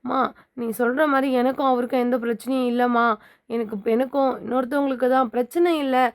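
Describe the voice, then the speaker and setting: A woman's voice: high voice, level tone, fast talker. A woman voicing a tearful young wife who speaks in sad, distressed pleading.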